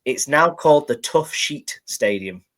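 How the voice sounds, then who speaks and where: Laid-back podcast host. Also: male voice, on the high side, measured pace, low-quality recording. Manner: relaxed, rambling with fillers. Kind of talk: casual football podcast chat.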